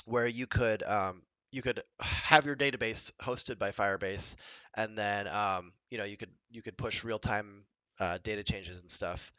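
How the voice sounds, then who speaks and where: A man co-hosting a coding livestream in a casual, halting way with many ums, speaking into a headset mic. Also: lowish voice, pushed and bright, smooth, no echo. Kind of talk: casual live coding chat.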